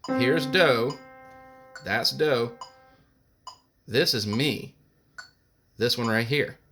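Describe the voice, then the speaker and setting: A man's voice: medium pitch, extremely slow, bright, forceful tone. A man teaching a recorded music lesson. He talks patiently, explains each step and sings solfege syllables.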